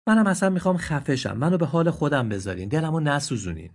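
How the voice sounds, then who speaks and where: Man doing a proud husky gazelle. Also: fairly high pitch, expressive, pitched above the performer's own voice. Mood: pleading. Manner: raised, pleading and indignant. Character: proud grieving adult male gazelle. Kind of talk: storybook voice acting.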